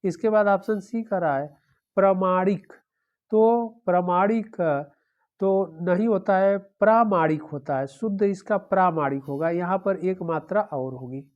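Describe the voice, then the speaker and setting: A woman's voice: on the low side, measured pace, highs cut off. Woman methodically explaining exam answers. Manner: methodical, repeats options, frequent "okay". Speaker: teacher.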